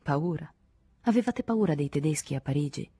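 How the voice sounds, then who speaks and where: A woman's voice: low-pitched, animated, moderate pace, warm tone, breathy edge, no echo, studio quality. A woman reading the part of a tired, brooding man in an audiobook, answering in terse, curt replies. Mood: flaring.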